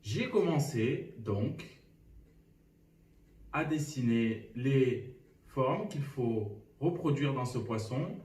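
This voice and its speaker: Slow, lively French teacher in a roomy echo. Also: male voice, mid-range voice. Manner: slow and clearly articulated, clapping out syllables. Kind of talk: remote lesson for young children. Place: a room at home. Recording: roomy echo, somewhat far from the mic.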